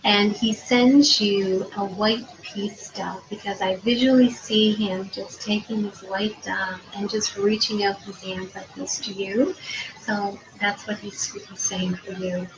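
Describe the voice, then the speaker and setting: A woman working as a psychic medium, giving spirit readings on a live stream in a soft, unhurried way with many filler ums. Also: mid-range voice, level tone, highs cut off, crowd noise. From Prince Edward Island, Canada.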